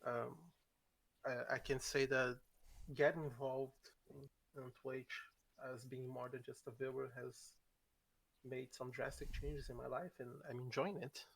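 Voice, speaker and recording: A man in his late twenties from Brazil speaks as a guest on a streamer podcast. He answers hesitantly, pausing on ums while he finds his words. His tone is casual and conversational. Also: medium pitch, little pitch movement, creaky. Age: 20s.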